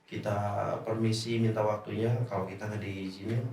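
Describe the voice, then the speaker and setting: A man's voice: fairly low pitch, little pitch movement, a little fast, darkish tone, slight background noise. A man chatting casually as an interview guest. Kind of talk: casual chat. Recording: very echoey room, distant mic, music behind.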